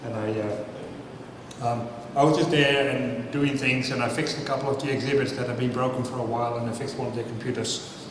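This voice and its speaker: Recorded from a distance in a noisy, echoey large hall, a Dutch man speaks at a science talk night with a mid-range voice, fairly even intonation, and a moderate pace with few pauses. His casual public talk is chatty and self-deprecating, and he puts questions to the live audience.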